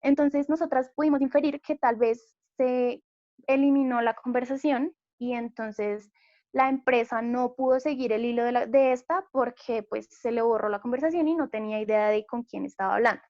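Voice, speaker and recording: A young Colombian woman with a high voice gives a class presentation, explaining patiently and padding her sentences with small fillers. The sound is dry and close, on a dull, lo-fi recording. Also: normal speed, darkish tone, no echo. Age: young adult. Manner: explanatory, many fillers like eh and pues. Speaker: student presenter.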